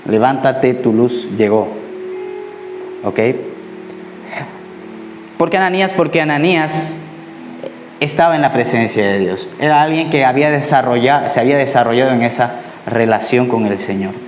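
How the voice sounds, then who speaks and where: A man delivers a sermon in a relaxed, conversational way, often pausing to check that his listeners follow. His voice sits at an ordinary middle pitch. The recording carries the echo of a church hall with faint ambient noise behind him. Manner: conversational preaching, often asks "¿Ok?". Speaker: pastor.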